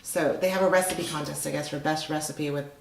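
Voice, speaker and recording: A middle-aged woman with a slightly low voice chats casually about her restaurant, rambling along with plenty of ums and you knows. The room around her is echoey. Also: fairly even intonation, fairly quick, gravelly, a little hiss or hum. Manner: chatty, rambling, lots of fillers. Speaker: restaurant owner. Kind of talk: casual interview conversation.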